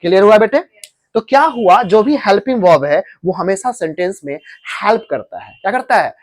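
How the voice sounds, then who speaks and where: A man runs a coaching-class grammar lesson in a classroom, firing questions at his students and having them repeat answers. His voice sits high. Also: lively intonation, moderate pace. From India.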